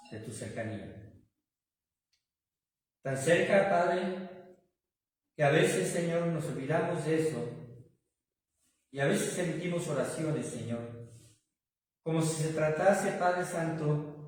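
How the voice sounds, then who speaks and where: A man with a Mexican Spanish accent, preaching a sermon and then leading a long prayer, calling the congregation brothers and asking them rhetorical questions. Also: on the high side. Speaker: pastor. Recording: echoey hall, from far off the mic.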